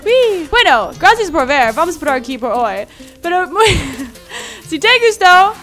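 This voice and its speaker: Woman gamer, high voice, giggly and excitable, faint game music behind. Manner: excitable, giggly, exclaims a lot. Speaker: gaming YouTuber. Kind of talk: casual let's-play commentary.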